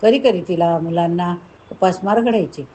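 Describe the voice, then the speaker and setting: A woman's voice: on the low side, normal speed, mellow, slight background noise. A woman narrating a devotional story in a rhythmic, emphatic way, with rhyming lists.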